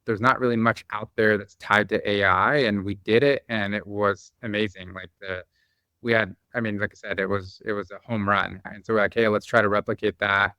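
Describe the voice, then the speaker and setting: A man's voice: fairly low pitch, fairly even intonation, moderate pace, sharp tone, clear, resonant tone, no room sound. A man who grew up in the Bosnia and Croatia area, a company founder talking as a guest in a podcast interview, explaining with enthusiasm and many fillers. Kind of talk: conversational interview.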